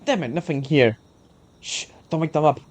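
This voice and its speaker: A man's voice: fairly high pitch, moderate pace, a little mellow, close to an everyday voice. A man voicing a frightened male intruder in a game story, muttering furtively as if sneaking in late. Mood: furtive, hushed. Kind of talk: game story read aloud.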